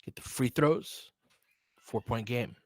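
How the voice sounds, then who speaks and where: Calling a basketball game live for his fan stream, this male host blends loose, slangy reactions into relaxed chatter. He speaks slowly at a medium pitch, captured in a clean studio with no room sound.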